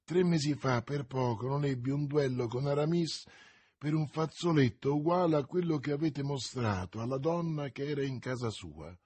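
Man playing eager young swordsman, gallant and pressing, husky tone, dry room. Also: medium pitch, normal speed, darkish tone, no echo, pitched above the performer's own voice, lightly acted. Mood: insistent. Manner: impassioned, gallant. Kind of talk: audiobook reading.

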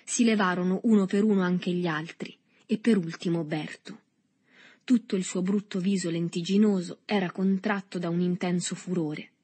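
A woman narrating a novel with a steady literary reading. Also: lowish voice, moderate pace, breathy edge.

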